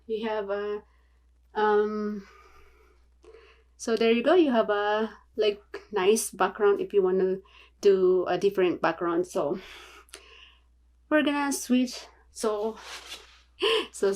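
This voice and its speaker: A Filipino woman with a mid-range voice and a Filipino accent chats casually while filming a home video tutorial in a small room. As a vlogger, she sounds halting and apologetic, using lots of fillers.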